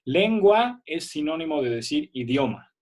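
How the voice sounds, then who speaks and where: A man's voice: a little high, very animated, unhurried, darkish tone. A man teaching a primary school class on a video call, patient and checking that students follow. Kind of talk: online class explanation.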